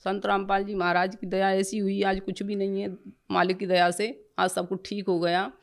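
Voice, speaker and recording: A woman's voice: medium pitch, little pitch movement, moderate pace, gravelly. A woman giving an earnest, emotional personal testimony in plain colloquial speech.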